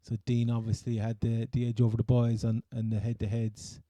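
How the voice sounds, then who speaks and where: A man with a Cork accent chats casually about sport as a co-host. The tone is very dark and soft, mid-pitched, in a dry room. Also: monotone, fairly quick, no echo. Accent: Cork Irish. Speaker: fantasy football podcast host.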